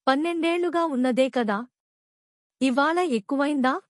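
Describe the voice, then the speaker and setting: A woman's voice: high-pitched, normal speed, no room sound, clean studio sound, lightly acted. A woman voicing a worried, hungry tigress in a storybook, asking anxious questions.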